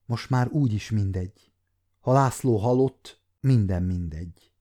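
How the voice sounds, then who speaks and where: A man's voice: on the low side, mellow, close to an everyday voice. A man doing a frantic, tearful young woman. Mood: defiant. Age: 50s. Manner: cries out in anguish. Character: young woman, frightened and defiant.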